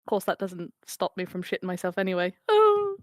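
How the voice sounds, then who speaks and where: A woman's voice: on the low side, completely flat delivery, fast, no room sound. A woman backseating a game stream, chatting with viewers in a giggly, teasing way and swearing freely. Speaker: backseat gamer co-host. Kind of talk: casual stream chat with viewers.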